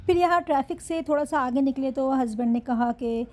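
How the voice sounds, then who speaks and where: Chatty high-voiced woman vlogger. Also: a little fast, darkish tone. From Pakistan. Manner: chatty, laughs often, addresses viewers. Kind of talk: vlog narration.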